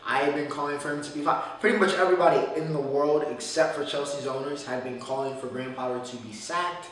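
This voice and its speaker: A man's voice: fairly high pitch, steady tone, fast, a bit bright. Male sports talk host with a groggy morning voice, loose and opinionated, recorded far off the mic in a very echoey room. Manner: loose, rambling and opinionated, with restarts. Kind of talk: casual solo sports talk. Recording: echoey room, distant mic, faint noise.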